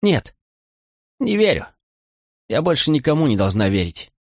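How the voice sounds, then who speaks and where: A man's voice: on the high side, sing-song, normal speed, dry recording, studio quality, pitched above the performer's own voice. A man voicing a proud young woman who is hurt and angry, speaking in a raised, reproachful voice. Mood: hollow, calm.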